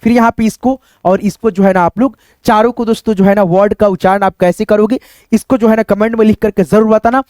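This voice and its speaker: A man's voice: sits high, fairly even intonation, a little fast, darkish tone, no room sound, clean studio sound. A male teacher giving an online phonics lesson, spelling words letter by letter, asking questions and repeating the answers, often turning to viewers with tag questions. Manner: keeps addressing viewers as friends with tag questions. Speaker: English teacher.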